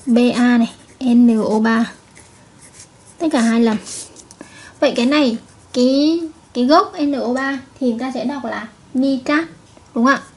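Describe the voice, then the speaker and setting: A woman's voice: on the high side, darkish tone, slightly rough. A woman chemistry teacher giving a recorded video lesson, patiently repeating each point and checking with her students.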